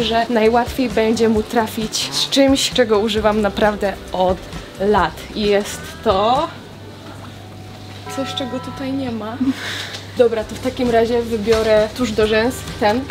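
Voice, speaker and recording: Young female guest, slightly high voice, lively casual chat, loud background music. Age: young adult. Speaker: guest friend. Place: shopping mall stores, indoors.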